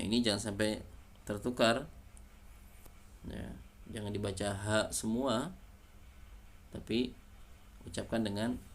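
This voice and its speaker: Slow, gravelly Indonesian recitation teacher. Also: male voice, lowish voice. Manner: patient, corrects letter sounds, repeats "ya" often. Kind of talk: tajwid lesson with slow chanted recitation.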